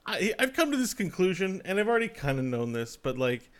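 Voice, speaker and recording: A man's voice: high voice, very animated, a little fast. A man co-hosting a casual podcast over a remote call, rambling and laughing often. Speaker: podcast co-host.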